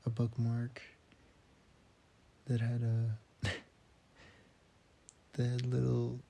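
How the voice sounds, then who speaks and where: Tired, slow-talking young man, slightly nasal. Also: mid-range voice, monotone, warm tone. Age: late teens. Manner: halting, with restarts, sighs and throat clearing. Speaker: student keeping an audio diary. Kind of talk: personal audio diary. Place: at home indoors.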